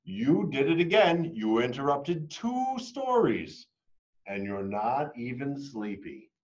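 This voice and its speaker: Guy doing a tired storybook chicken papa, patient gentle scolding, slow pace, dull sound. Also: medium pitch, huge pitch swings. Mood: weary, scolding.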